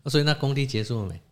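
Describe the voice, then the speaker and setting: A woman co-hosting a podcast in casual chat, teasing and bantering playfully. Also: extremely low pitch. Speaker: podcast co-host.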